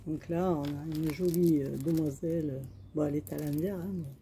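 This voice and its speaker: A woman chats slowly through a crafting haul, pausing often to search for words. Her voice sits a little low and sounds very dark and mellow. A faint outdoor hum runs behind her phone recording. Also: steady tone. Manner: chatty, hesitant, many fillers. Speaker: crafting vlogger. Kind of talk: casual show-and-tell haul. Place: outdoors in sunshine.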